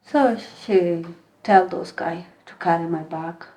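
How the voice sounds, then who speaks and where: A woman guest on a podcast, earnestly retelling a personal story in a halting way with frequent restarts. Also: on the low side, dark tone, rough recording.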